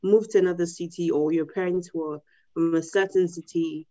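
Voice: medium pitch, steady tone, moderate pace, mellow, no echo. A podcast host from Spain asking questions in a casual interview, chatty and thinking aloud, often checking in with "right?". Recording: dull lo-fi dry sound.

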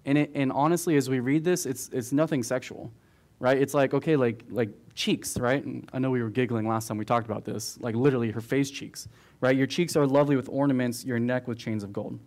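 A man, a pastor, reading scripture and explaining it in a relaxed, conversational way, often asking "right?". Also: mid-range voice, a little fast. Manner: conversational, with fillers and frequent "right?". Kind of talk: verse-by-verse Bible teaching.

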